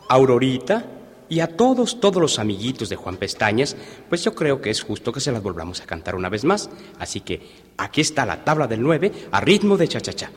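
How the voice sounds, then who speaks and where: A man's voice: mid-range voice, big-room sound. A man speaking playfully to children and introducing a song. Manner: playful, addresses children by name. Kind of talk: singing educational songs and introducing them.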